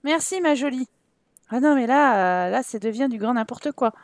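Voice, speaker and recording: A young woman with a French accent runs a relaxed, playful game commentary, often talking straight to her characters. Her voice sits high and bright. The sound is close and dry, with no room around it. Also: normal speed, no echo. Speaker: Sims gameplay YouTuber. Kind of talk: casual let's-play commentary.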